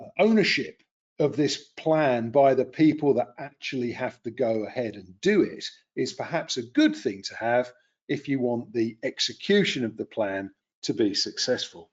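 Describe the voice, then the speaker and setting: A man in his fifties gives an unscripted webinar lecture in a medium-pitched voice, recorded on a computer webcam mic that cuts off the highs. His delivery is conversational and rambling, full of fillers and restarts.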